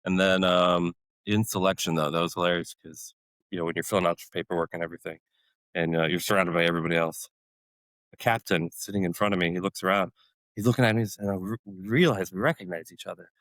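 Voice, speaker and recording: Speaking quickly in a low, fairly bright voice with fairly even intonation, a man in his forties whose first language is Polish shares casual army stories on a podcast. He is a retired Army warrant officer who laughs a lot and acts out other people, and the dry recording is low in quality.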